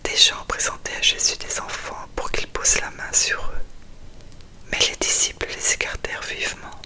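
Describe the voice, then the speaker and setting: Whispered voice, ASMR scripture reading, quiet at night, hushed, soothing bedtime delivery. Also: moderate pace. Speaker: reader.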